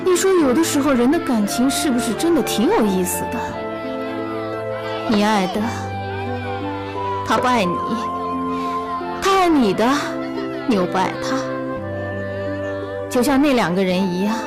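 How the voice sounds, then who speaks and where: A tipsy, sharp-tongued young woman. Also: a little high, lively intonation, a little slow, pauses often, over loud music. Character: tipsy young woman pining for another's man. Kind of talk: TV costume drama acting.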